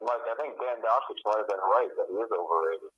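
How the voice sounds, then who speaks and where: A man's voice: fairly low pitch, fast, fairly bright tone, poor audio. A man co-hosting a sports podcast, dismissive and teasing in casual chat. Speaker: podcast co-host.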